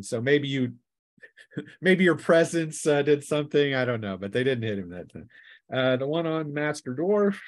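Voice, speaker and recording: As game master of a tabletop role-playing game, a man narrates casually and teases his players in a playful way. His mid-pitched, slightly mellow voice sounds close and dry, with no room sound.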